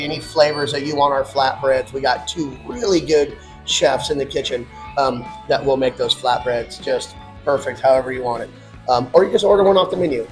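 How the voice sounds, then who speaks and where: A man who owns a barbecue restaurant, chatting casually and laughing often while eating. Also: on the high side. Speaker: restaurant owner.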